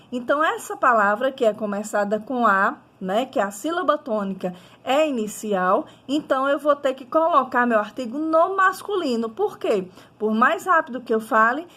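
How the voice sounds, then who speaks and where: A woman's voice: high voice, sharp tone. A woman with a Brazilian Portuguese accent teaching a grammar lesson, methodically posing questions and answering them herself while checking in with her students. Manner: checks in with listeners often. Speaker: Spanish teacher.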